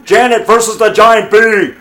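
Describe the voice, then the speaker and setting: High-pitched, defiant middle-aged man arguing. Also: fairly even intonation, normal speed, a bit bright. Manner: defiant, boastful, punctuating with "brother" and "pal". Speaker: low-budget monster movie maker. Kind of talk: combative, off-the-cuff argument, one side of a phone call.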